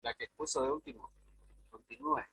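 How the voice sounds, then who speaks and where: A man's voice: mid-range voice, fairly quick, bright, forceful tone, a little hiss or hum, low-quality recording. A man from Bolivia teaching a class, explaining grammar and calling on students with short prompts. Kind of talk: classroom instruction.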